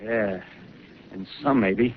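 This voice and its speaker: Over the tinny, hissy sound of a 1930s live radio broadcast, a male actor with a lowish voice portrays a rough soldier with schemes in mind. He talks slowly in rambling, fevered working-class slang.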